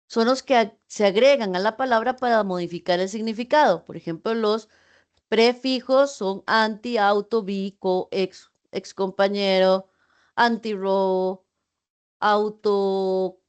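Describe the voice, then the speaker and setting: A woman's voice: mid-range voice, takes it slowly, clean tone. A woman tutor giving a university class over a video call, explaining writing with frequent rhetorical questions to her students. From Costa Rica. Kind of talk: online class lecture.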